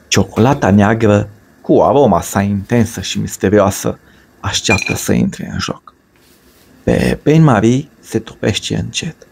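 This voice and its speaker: A man giving a measured, ornate, scripted voice-over for a cooking video. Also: fairly low pitch, gravelly, darkish tone, husky. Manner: measured, ornate storytelling delivery. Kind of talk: scripted poetic voice-over narration.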